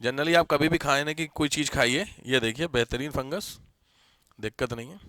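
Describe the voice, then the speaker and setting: A man's voice: mid-range voice, normal speed, fairly bright tone. A man teaching an online class, chatty and teasing, mixing English terms into his explanations.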